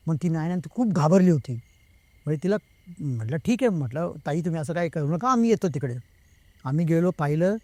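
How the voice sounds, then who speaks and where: Male guest storyteller, slightly high voice, mellow timbre, close dry recording. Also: no room sound. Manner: retells the talk of others himself, slipping between Marathi and Hindi. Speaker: guest telling a true ghost story. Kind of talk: casual storytelling.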